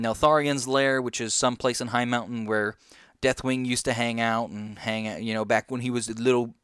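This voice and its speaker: Rambling man with smooth dry voice. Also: mid-range voice, fairly bright tone, no echo. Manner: rambling, lots of ums and uhs, chewing gum. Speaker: gaming commentator. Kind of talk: casual video game commentary.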